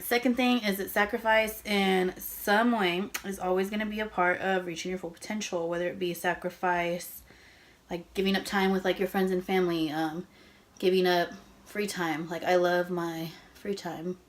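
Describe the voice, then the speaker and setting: A woman's voice: fairly low pitch, little pitch movement, moderate pace. A woman of twenty-five chatting casually in a get-ready-with-me vlog from her old bedroom, a little out of breath, rambling with lots of fillers. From Texas, USA. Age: 20s. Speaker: beauty vlogger.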